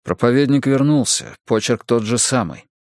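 A man reading an audiobook, voicing a calm, serious detective who speaks steadily and firmly. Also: mid-range voice, moderate pace, dry recording, clean studio sound, natural voice.

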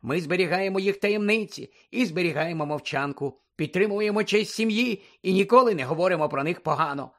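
A man's voice: high voice, brisk, few pauses, a bit bright. A man voicing an eager, servile male house-elf who talks about himself in the third person and keeps addressing his listener as "sir", in an audiobook reading. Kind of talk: audiobook character voice.

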